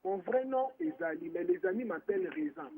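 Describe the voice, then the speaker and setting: This radio phone-in features a Moroccan-born man chatting casually, rambling with frequent restarts and switching between French and Lingala. His very high, creaky voice takes big pitch swings at a moderate pace, with a little hiss or hum on the line.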